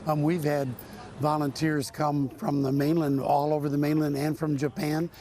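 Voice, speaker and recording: A man tournament director answering questions in an interview. His voice sits slightly high, and he keeps pausing with ums as he speaks. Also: little pitch movement, dark tone, a little hiss or hum. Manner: halting, with frequent ums.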